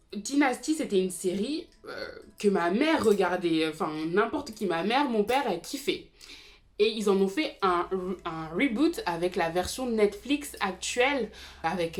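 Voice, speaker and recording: Chatty young woman explaining TV series. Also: mid-range voice. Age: 20s. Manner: chatty, frequent fillers and asides to viewers. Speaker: YouTube TV series commentator. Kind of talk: casual explainer vlog.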